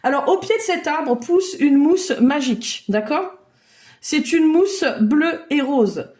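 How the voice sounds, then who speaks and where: Over a video call, a woman with a high-pitched voice leads a drawing lesson for children at a slow pace. She blends step-by-step directions with playful make-believe narration, staying lively and encouraging and warmly praising each child along the way.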